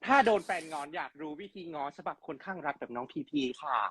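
A man's voice: fairly high pitch, lively intonation, fast talker, bright, forceful tone, husky. A chatty male host runs a casual interview, his voice swinging up and down with lots of animation. He teases his guest between questions and reads the fans' questions out one after another.

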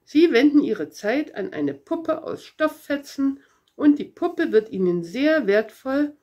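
A gentle, curious little prince, as a woman reads him aloud from a storybook. He asks his earnest questions slowly, his voice lifting and falling with lively swings. It is a warm, unhurried bedtime telling. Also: high voice, voice pushed up, heavily acted.

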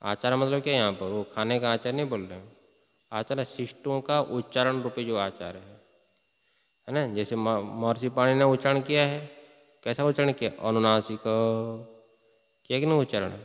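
A man's voice: mid-range voice, moderate pace, pauses often, big-room sound. A man teaching Sanskrit grammar to a class, chanting verses and quizzing students with frequent questions. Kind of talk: classroom lecture.

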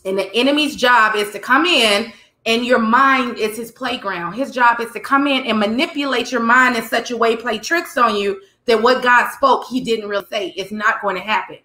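Woman preaching on a livestream, bright and kinda high, lots of repeating, echoey room. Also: moderate pace. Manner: fervent, repetitive exhortation; casual colloquial speech. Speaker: host of a faith livestream. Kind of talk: live devotional preaching. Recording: roomy echo.

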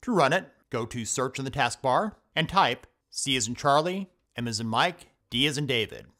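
A man's voice: medium pitch, normal speed. Man narrating a step-by-step tech tutorial. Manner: steady step-by-step instructing. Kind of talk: scripted screen-recording voice-over.

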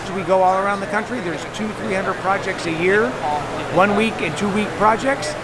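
A man's voice: sits high, moderate pace. An older man, a volunteer, chatting in an upbeat, explanatory way at a booth in a busy show hall. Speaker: volunteer promoting a charity build program. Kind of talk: casual interview explanation. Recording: loud crowd noise behind.

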